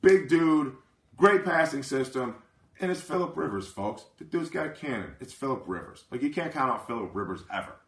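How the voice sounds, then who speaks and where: A man's voice: mid-range voice, lively intonation, normal speed, roomy sound. A man hosting a casual live chat, brash and profane, rambling and often asking if listeners follow him. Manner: keeps asking "you know what I mean". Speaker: livestream host.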